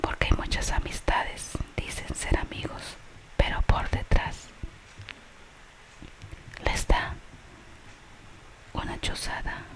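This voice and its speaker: Whispered storytelling, ASMR, very slow pace, unhurried, breath-only delivery, gentle tale with a moral. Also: low-quality recording.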